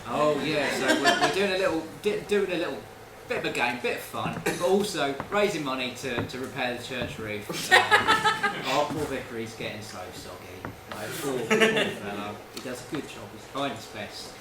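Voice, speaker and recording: A man's voice: medium pitch, lively intonation, normal speed, crowd noise, natural voice. A man improvising a chatty market vendor with a put-on Irish accent, rambling and giggly, live on stage. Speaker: improv comedian. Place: small theatre stage. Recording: roomy theatre with audience.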